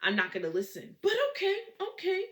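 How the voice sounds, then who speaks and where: A woman voicing a skeptical young mother who gives fast, blunt, incredulous answers while retelling a story. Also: medium pitch, sing-song, a bit bright, reverberant. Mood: dismissive.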